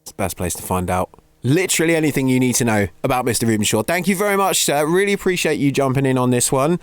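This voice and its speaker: A man's voice: mid-range voice, expressive, fast, smooth, no echo. A man co-hosting a film podcast, upbeat as he thanks guests and introduces segments. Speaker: podcast co-host. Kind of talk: casual podcast chat.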